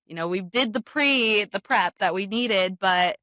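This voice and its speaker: A young adult woman, a podcast guest, telling her story in a lively way, often acting out the voices of others. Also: medium pitch, unhurried, dry recording. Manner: lively, acts out quoted voices.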